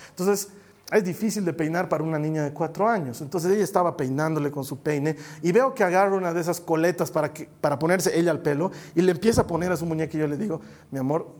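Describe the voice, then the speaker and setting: A man in his thirties preaching a sermon and telling a story about his young daughter, his voice swinging from loud to hushed. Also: on the high side. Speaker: pastor.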